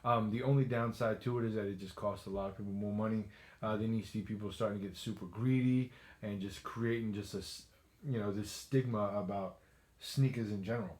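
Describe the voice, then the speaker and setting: A man's voice: lowish voice, fairly even intonation, fairly quick, a little mellow. Easygoing man co-hosting, echoey room. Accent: noticeable accent. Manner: easygoing, laughs often, restarts phrases. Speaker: co-host. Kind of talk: casual chat.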